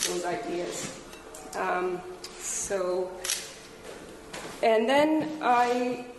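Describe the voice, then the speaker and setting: Halting woman artist talk, echoey gallery hall, faint ambience. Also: medium pitch, background noise. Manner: hesitant, halting, many fillers and restarts. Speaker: installation artist. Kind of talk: artist talk about her work.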